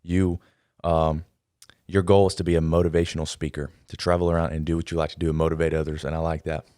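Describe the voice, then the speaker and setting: A man hosting a casual podcast interview in a studio, energetic and encouraging, talking in quick bursts. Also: rumbling low, dry recording. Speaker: podcast host. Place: podcast studio, in person with guest. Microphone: studio microphone.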